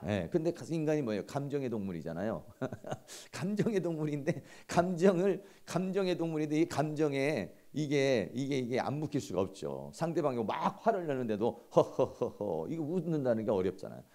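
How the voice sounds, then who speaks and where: A middle-aged man giving a seminary lecture in a conversational, animated way, acting out everyday quarrels. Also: mid-range voice, fairly quick.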